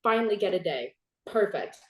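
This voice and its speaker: A teenage girl hosts a relaxed chat in a lively, storytelling way and breaks into laughter often. Her voice sits mid-range for a woman and carries a roomy echo. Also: medium pitch, normal speed. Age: teens. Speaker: host. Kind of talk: casual chat.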